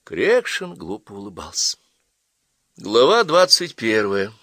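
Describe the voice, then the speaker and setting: A male audiobook narrator reading a novel with theatrical expression. His low voice moves through a wide, lively range. The recording is dry and close. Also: normal speed, no room sound.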